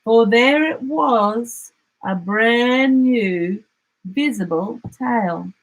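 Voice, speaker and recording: Children's storyteller: Australian woman, slightly husky, slow, expressive, dramatic emphasis. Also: a little high, poor audio. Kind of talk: children's picture book read-aloud.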